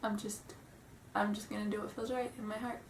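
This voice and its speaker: Speaking briskly and flatly in a medium-pitched voice, a young woman with a cold-stuffed nose chats in a casual home vlog. She comes across as nervous, rambling, apologetic and giggly. Her audio is roomy and distant, with slight background noise.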